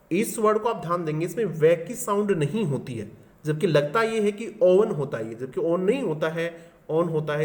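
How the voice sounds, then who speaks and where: Male teacher, slightly raised voice, walks through each answer step by step and quizzes the class. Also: a little high. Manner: explains step by step and keeps asking the class questions. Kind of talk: exam paper solution lesson.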